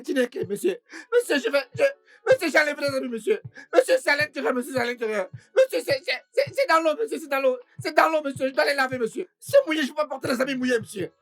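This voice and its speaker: A woman dubbing a grovelling, scheming male house employee, with a raspy voice and stammering, wailing pleas. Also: sits high. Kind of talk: French film dub.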